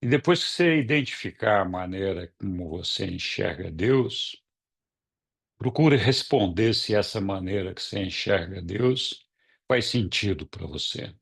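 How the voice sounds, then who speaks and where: Slow, gravelly-voiced man, calm and reflective. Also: sits low. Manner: calm, reflective, asks questions. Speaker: study group member leading the turn-taking. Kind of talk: casual group discussion.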